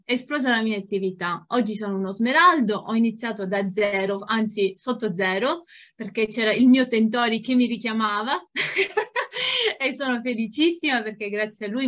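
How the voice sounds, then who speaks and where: A woman's voice: mid-range voice, fairly bright tone. A woman with a Sicilian accent giving an informal, enthusiastic testimonial on a group video call, often giggly. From Sicily, Italy. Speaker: network marketing team member. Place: indoors at home, video call.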